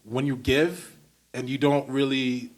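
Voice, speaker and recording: A male podcast host from Brooklyn, New York, chats easily in a casual interview, his mid-range voice measured in pace and showing little pitch movement. He asks long, winding questions with plenty of enthusiasm and keeps things loose and friendly.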